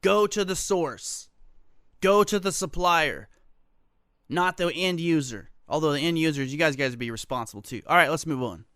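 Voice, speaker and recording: A man's voice: on the high side, normal speed, a bit bright, smooth, no room sound, clean studio sound. A man hosting a solo talk radio show, reading local news stories and ranting about them with sarcastic, joking asides. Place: radio studio.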